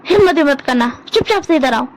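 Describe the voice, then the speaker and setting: A woman's voice: high-pitched, lively intonation, brisk. A woman doing a bossy, possessive young man. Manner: bossy, scolding.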